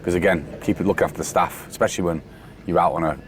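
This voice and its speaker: Out on a festival site being broken down, a UK podcast host who runs a security company talks fast and rambles, full of fillers and restarts. His low voice, fairly even in intonation, is going from all the shouting, while faint site noise and vehicles sound in the background.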